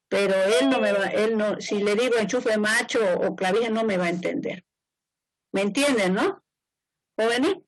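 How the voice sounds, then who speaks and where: A woman's voice: on the high side, no echo, rough recording. Woman teacher, repetitive check-ins. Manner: repeats points and checks in with the students; informal, conversational explaining. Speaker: engineering teacher. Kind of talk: classroom lecture.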